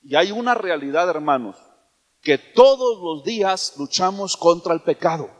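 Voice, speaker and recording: A man's voice: sits high, expressive, normal speed, long reverb tail. A man preaching a sermon in a church, emphatic and firing questions at the congregation.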